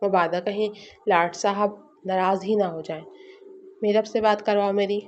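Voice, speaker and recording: A woman giving a steady, expressive scripted narration of a romance novel, on a slightly muffled recording. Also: lowish voice, slight background noise.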